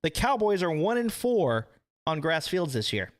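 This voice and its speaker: A man's voice: a little high, sing-song, normal speed. A young man hosting a casual podcast chat, laughing often and swearing freely. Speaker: podcast host.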